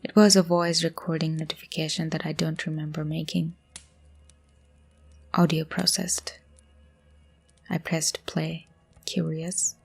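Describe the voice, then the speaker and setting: A woman narrating a scary story in a hushed voice, often dropping to a whisper. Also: low-pitched, little pitch movement, unhurried, creaky, pauses often, husky, faint music behind. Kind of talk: scripted horror story narration.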